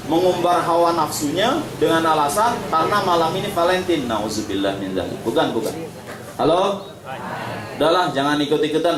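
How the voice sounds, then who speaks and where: A man preaching a sermon, lively and joking, calling on listeners by name. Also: fairly high pitch. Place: prayer hall. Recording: echoey hall, faint ambience.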